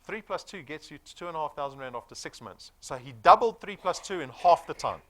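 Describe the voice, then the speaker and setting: Addressing an audience, a South African man near forty delivers a motivational sales talk in a bright, punchy tone with broad pitch swings. He pushes his points emphatically and persuasively, regularly checking in through rhetorical questions.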